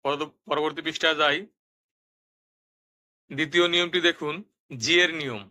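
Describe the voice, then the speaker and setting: A man with a very bright, sharp voice leads a patient pronunciation lesson. He explains each rule plainly and says every example word twice, slowly and distinctly. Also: a little high, steady tone. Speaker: language teacher. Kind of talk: step-by-step lesson narration.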